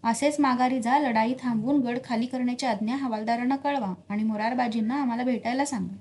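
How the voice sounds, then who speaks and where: A woman's voice: on the high side, fairly quick, darkish tone, lightly acted. A woman voicing a proud male warrior king who gives firm, dignified commands in a storybook reading. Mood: commanding.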